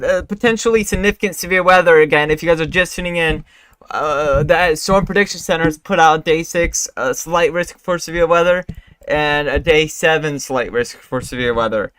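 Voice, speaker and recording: Hosting a weather livestream, a man speaks casually, stumbling through many fillers and restarts as his voice recovers after losing it. He talks at a moderate pace with a fairly high, pushed, bright voice and clean tone, captured in a dry recording.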